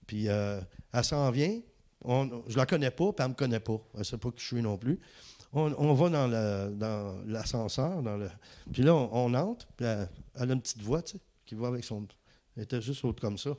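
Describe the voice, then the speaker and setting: A male preacher with a Quebec French accent tells anecdotes in a sermon. His voice swings up and down with lively energy, and he laughs at his own jokes. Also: mid-range voice, a little fast. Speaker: preacher and guest speaker.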